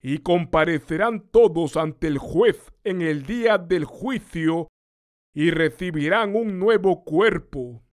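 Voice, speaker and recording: A preacher speaking the lines of a grieving woman of faith in a solemn, measured way, close to his own voice. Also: on the high side, animated. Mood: earnest.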